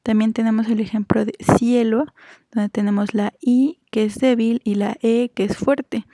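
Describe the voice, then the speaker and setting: A woman's voice: on the high side, flat delivery, moderate pace, mellow. A woman teaching a grammar lesson, patiently explaining rules and stretching out example words one by one. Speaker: Spanish teacher.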